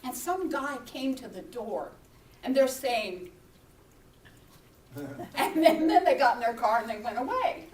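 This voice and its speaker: A woman minister preaching, telling a personal story and acting out her own shouts and whispers. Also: high voice, lively intonation, unhurried, long pauses, reverberant, far from the mic. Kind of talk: sermon storytelling. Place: church hall.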